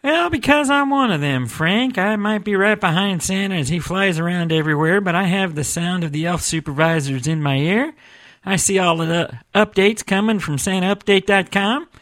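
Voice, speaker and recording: A man plays a chatty elf radio reporter on a comedic podcast, with a high voice for a man. He speaks in an earnest, folksy way and keeps addressing his co-host by name. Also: normal speed, fairly bright tone. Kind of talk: comedic audio podcast acting.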